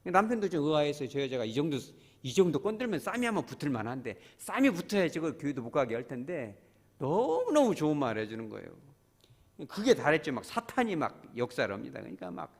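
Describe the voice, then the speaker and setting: Animated male pastor telling a story. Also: a little high, brisk. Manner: animated storytelling, sudden loud and soft shifts. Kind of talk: sermon.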